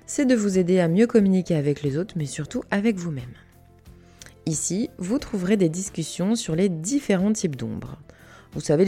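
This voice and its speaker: A woman from Canada with a low, mellow voice hosts her own podcast in an unedited monologue. She talks candidly and casually, with fillers and the odd swear. Faint music plays behind her. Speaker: podcast host.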